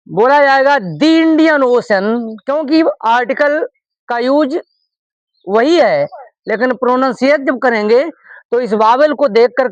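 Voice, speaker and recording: Man teaching English, slow, deliberate delivery, dry, dull lo-fi sound. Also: extremely high pitch, no echo. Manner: explains in Hindi, reads English examples slowly and deliberately. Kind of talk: classroom lesson on pronunciation.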